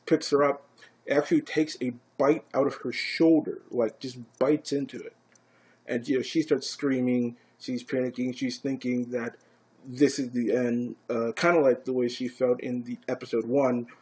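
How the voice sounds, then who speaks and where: A man casually recapping and reviewing an anime episode, swearing freely and growing excited. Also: mid-range voice, breathy edge. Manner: casual, profane, grows excited.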